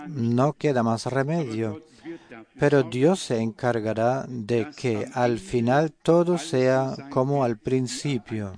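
A man delivers a sermon at an unhurried, deliberate pace. His voice sits at an ordinary middle pitch. He pauses often and fills the gaps with hesitant "eh" sounds as he searches for words. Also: dark tone. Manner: slow, measured delivery with frequent hesitations. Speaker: preacher.

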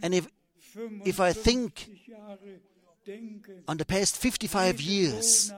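An older man preaching a sermon in a slow, emphatic way, repeating his phrases and restarting as he goes. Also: sits high, lively intonation.

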